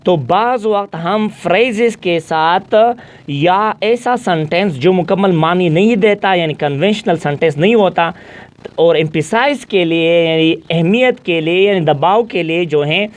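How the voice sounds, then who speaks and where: A man teaching an English grammar lesson in a mixed Hindi-Urdu and English speech. He reads his English examples out slowly and keeps checking back with the class. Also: sits high, lively intonation. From Pakistan. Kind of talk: classroom lecture.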